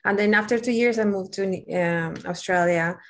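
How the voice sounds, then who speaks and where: A woman's voice: medium pitch, normal speed, a bit bright. A young woman from Peru with a Peruvian Spanish accent, Spanish her first language, speaking candidly and self-deprecatingly as a guest in a casual interview.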